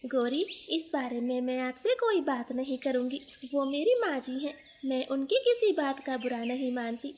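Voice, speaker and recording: A woman voicing a gentle young female sparrow daughter-in-law in a storybook cartoon, speaking softly and patiently. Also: sits high, lively intonation, normal speed, few pauses, a little hiss or hum. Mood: meek. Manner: soft, meek, patient.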